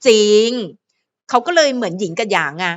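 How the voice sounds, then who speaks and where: A woman's voice: on the high side, lively intonation, a little fast, dull audio. A woman hosting her own fan channel, chatting playfully to viewers and to herself in a casual solo vlog.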